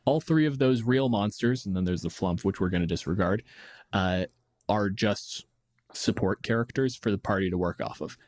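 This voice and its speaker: The recording is dry, and the man's voice is lowish with a darkish tone at a normal speed. He's a podcast host fielding listener questions, chatting casually about game monsters in a blunt, deadpan manner while cursing freely.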